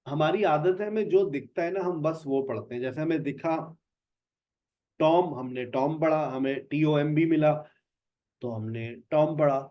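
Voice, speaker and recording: A man's voice: fairly high pitch, moderate pace, lo-fi sound. A man teaching an online spoken English class, patiently explaining pronunciation and calling on students by name. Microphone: online class call.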